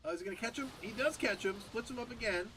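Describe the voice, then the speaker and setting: Through heavy background noise, an esports caster with a very high voice commentates a strategy game on his own. Still nasal and stuffed up from a bad sore throat, he chats casually between plays.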